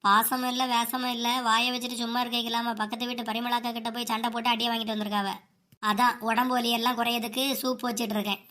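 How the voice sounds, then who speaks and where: A woman voicing a scheming young daughter-in-law in a cartoon, with a Kanyakumari Tamil accent and a mocking, quick-tongued manner. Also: a little high, level tone, sharp tone, slight background noise. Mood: tart.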